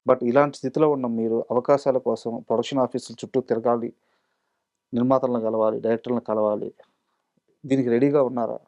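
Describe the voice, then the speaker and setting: A male interview host who presses his guest with probing, challenging follow-up questions. He talks quickly in a warm, mellow voice. The sound is close and dry. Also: medium pitch, steady tone, no room sound.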